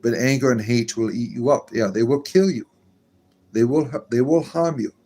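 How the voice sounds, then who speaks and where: During a casual live stream, a man reads viewer comments aloud and answers them in a chatty, meandering way. His voice is mid-range and dark-toned, at a moderate pace.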